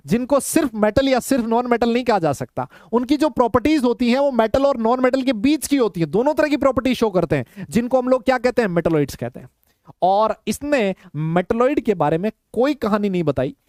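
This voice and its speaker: A man's voice: sits high, darkish tone, no room sound, studio quality. A man teaching a live online chemistry class, teasing and bantering with his students as he explains. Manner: teasing, banters with students in Hindi-English mix.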